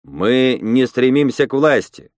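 A man reading a story, voicing a male leader who gives a deliberate, measured speech. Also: medium pitch, darkish tone, dry recording, studio quality, natural voice. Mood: grave. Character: male rebel leader Roman, grave measured orator.

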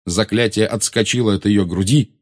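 A man narrating an audiobook in a dramatic, expressive style. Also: fairly low pitch, normal speed, slightly rough.

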